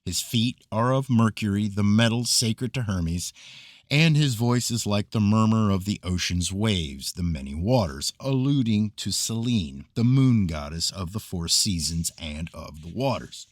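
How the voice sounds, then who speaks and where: Low-voiced man reading esoteric text. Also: lively intonation, no room sound, clean studio sound. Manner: measured, formal reading with occasional stumbles. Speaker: reader of esoteric texts. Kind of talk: reading a book aloud. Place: cold room.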